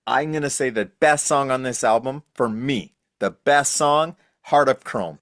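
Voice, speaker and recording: A man's voice: medium pitch, measured pace, a bit bright, dry recording, clean studio sound. A man as a podcast guest in casual chat, talking with gushing enthusiasm. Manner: enthusiastic, gushing fan talk.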